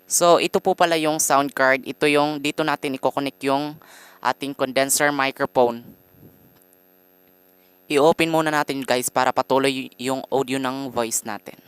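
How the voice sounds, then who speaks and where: A man with a Filipino accent, giving a casual how-to vlog with lots of pauses and fillers, talking into a condenser microphone. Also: mid-range voice, fairly even intonation, a bit bright, clear, resonant tone, no echo. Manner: hesitant, fillers and frequent pauses; addresses viewers politely as guys. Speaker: vlogger. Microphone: condenser mic through a sound card.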